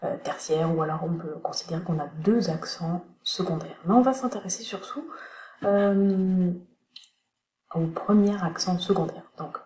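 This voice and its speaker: A woman teacher gives a recorded lesson in a mellow, fairly low voice. She explains things in a chatty way and pauses often on fillers. The room echoes and there is a faint hiss.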